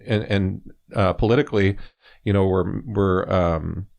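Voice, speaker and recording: A man's voice: low-pitched, fairly even intonation, a little slow, gravelly, darkish tone. A man from California co-hosting a sports talk show, explaining at length in a rambling way full of fillers. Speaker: sports podcast co-host.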